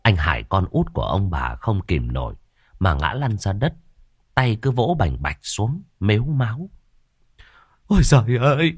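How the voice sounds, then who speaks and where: A man narrating a horror story in a dramatic, expressive way. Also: deep voice, moderate pace, slightly rough, dry recording, studio quality.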